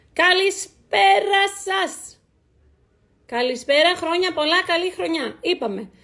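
Brief: female live-stream host, high voice, chatty and teasing with viewers. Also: a bit bright. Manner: chatty, greets viewers by name, playful teasing. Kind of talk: casual live-stream chat.

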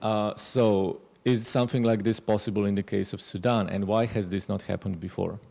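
A man in his thirties, a panelist with a journalism background, asking long, measured questions into a handheld mic at a panel discussion. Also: on the low side, steady tone, vocal fry, darkish tone. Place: lecture hall stage panel. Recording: long hall reverb.

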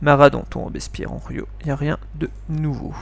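A man's voice: a little high, fairly even intonation, fairly quick, vocal fry. A man reading game text aloud and chatting casually over his playthrough, swearing at his slip-ups. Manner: chatty, swears when he slips up. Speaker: let's play host.

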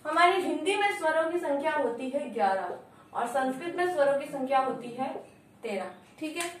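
A woman's voice: high voice, lively intonation, moderate pace. A woman teaching a grammar lesson, repeating each point and asking questions she answers herself. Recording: echoey room, mic far off, faint noise.

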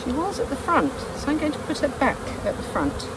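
In a hands-on vlog, an older woman beekeeper in a garden happily talks the nearby camera through her work, exclaiming with delight. Her high voice is very animated and brisk, and she has a bee veil on. Bees buzz amid the outdoor noise.

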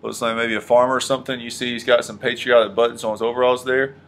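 A man's voice: mid-range voice, little pitch movement, fast talker. A man teaching history to a class, questioning the students and echoing their answers. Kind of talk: classroom lesson.

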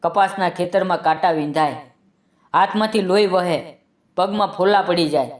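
A man's voice: sits high, moderate pace, recorded from a distance. A man reading a scripted emotional story aloud in the first person, with earnest, dramatic delivery.

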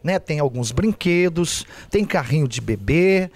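A man's voice: fairly high pitch, animated, a little slow. A man in his forties with a Brazilian Portuguese accent, reporting for local TV news from an indoor bazaar on a handheld mic, chatty and always pointing things out. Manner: chatty, keeps pointing things out with "olha aqui" and "né". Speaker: field reporter. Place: large indoor charity bazaar hall.

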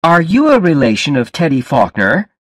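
A man voicing an unhinged, clingy young man with a soft, overfamiliar way of talking, in a read-aloud story. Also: on the high side, huge pitch swings, moderate pace, no room sound, clean studio sound, voice pushed up, exaggerated voice.

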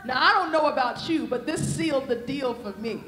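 On a convention stage with a podium, a young woman preaches into a handheld mic at normal speed. Her voice sits high with a fairly bright tone, her cadence is rhythmic and repetitive, and the hall echoes.

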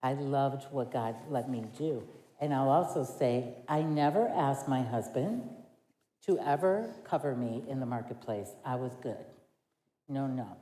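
A woman's voice: extremely low pitch, unhurried, mellow. A middle-aged woman, a women's ministry director, telling her story as a church testimony in a candid way, laughing and acting out dialogue. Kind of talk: testimony sermon. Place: church sanctuary. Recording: echoey church hall.

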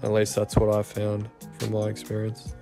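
A young Australian man giving a relaxed, self-deprecating voice-over walkthrough of his renovated house. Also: on the low side, normal speed, vocal fry. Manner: laid-back, self-deprecating. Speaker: home renovation vlogger. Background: soft guitar music.

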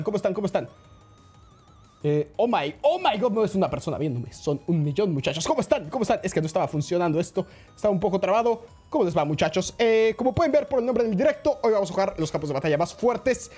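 An excitable man streams a game live and talks straight to his viewers in a chatty, running commentary. His pitch jumps around a lot, and faint game music plays underneath his voice. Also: fast, husky. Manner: excitable, chatty, greets the chat often. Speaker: gaming streamer.

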